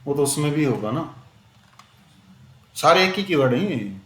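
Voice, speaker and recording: Guy teaching grammar in a class, slightly high voice, keeps asking the students stuff, roomy echo. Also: animated, fairly bright tone. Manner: questioning, drilling students, slows down for examples. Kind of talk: classroom grammar lesson in Hindi and English. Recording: echoey classroom.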